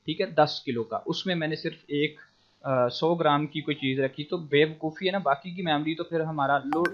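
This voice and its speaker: Male lecturer, slightly high voice, choppy glitching call audio, dull lo-fi sound, reads text slowly then explains. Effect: choppy audio that cuts out over an online class call. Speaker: teacher. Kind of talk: online programming lecture. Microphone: computer mic on a video call.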